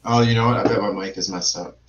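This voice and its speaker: A man's voice: lowish voice, fairly even intonation, fast talker. A man chatting casually on a livestream through a faulty mic that makes him sound tinny, as if in a tin can. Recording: tinny, echoey, distant mic with loud hiss.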